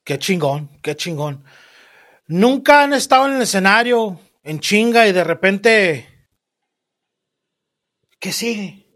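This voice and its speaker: A comedian hosting a casual interview, animated and profane, acting out stories as he talks. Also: high voice, takes it slowly, long pauses. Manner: animated, profane, acts out his own nerves. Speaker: host, comedian and singer.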